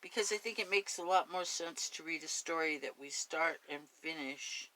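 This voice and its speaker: A woman's voice: low-pitched, moderate pace, sharp tone, rough recording. A woman with a Spanish accent reading a story aloud, stopping for chatty, homey asides. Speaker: story reader.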